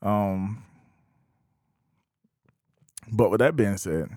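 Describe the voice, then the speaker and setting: A man in his thirties talking casually to camera, thinking aloud with frequent pauses. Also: lowish voice, mellow, no room sound, studio quality. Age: 30s. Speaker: vlogger. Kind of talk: casual opinion monologue.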